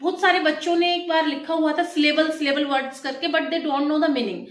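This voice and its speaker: A woman from India gives an English phonics lesson to children. She explains patiently and switches between Hindi and English. Her voice sits high, and the room around her echoes. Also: steady tone, moderate pace. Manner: mixes Hindi with English, addresses viewers as children. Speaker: English teacher.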